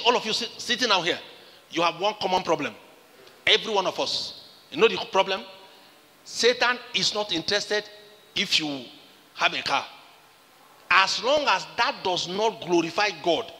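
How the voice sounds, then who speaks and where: A man's voice: sits high, pushed and bright, long reverb tail. A man preaching a sermon as pastor, emphatic and acting out the conversations he retells. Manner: emphatic preaching, acts out quoted exchanges.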